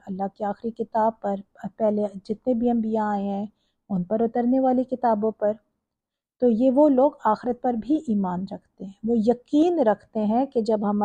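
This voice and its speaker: Husky-voiced woman explaining scripture. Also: on the high side, warm tone, no echo, highs cut off. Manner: explains verse by verse, with small stumbles. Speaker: religious lecturer. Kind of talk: Quran commentary lecture.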